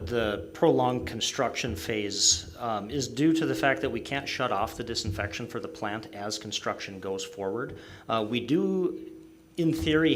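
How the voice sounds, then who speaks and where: A man explaining a project report at a public meeting in measured, technical terms. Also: medium pitch. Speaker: project staff presenter. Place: public commission meeting room.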